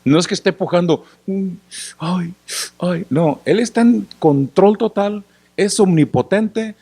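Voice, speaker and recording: A man's voice: sits high, expressive, unhurried, warm tone. A tired male pastor preaches a sermon in a conversational way, often asking the congregation questions and acting out little scenes. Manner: acts out little scenes and gestures. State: tired after working in the sun.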